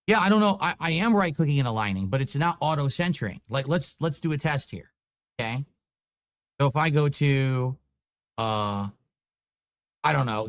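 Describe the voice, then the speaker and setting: A young man streaming live, chatting casually and getting frustrated and swearing while fixing his stream software. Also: fairly high pitch, no room sound, studio quality. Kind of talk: casual livestream chat.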